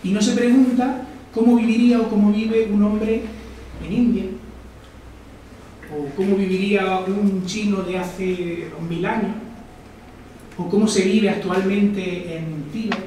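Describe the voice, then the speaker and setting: A man's voice: sits high, steady tone, measured pace, long pauses, dark tone, a little hiss or hum. A man from Almería, giving a reflective live talk and often asking the audience questions. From Almería, Spain. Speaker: lecturer. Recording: echoey hall, distant mic.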